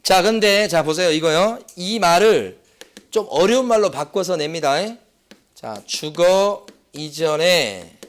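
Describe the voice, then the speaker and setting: Quizzing male exam lecturer, slightly high voice. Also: expressive. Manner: quizzing students with questions, repeating key terms slowly; tells anecdotes with acted-out quotes. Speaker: real estate exam lecturer. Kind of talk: classroom lecture. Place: lecture room.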